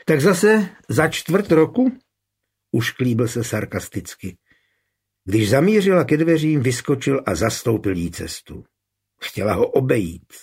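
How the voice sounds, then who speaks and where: A man narrating an audiobook in an even, lowered voice. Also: husky.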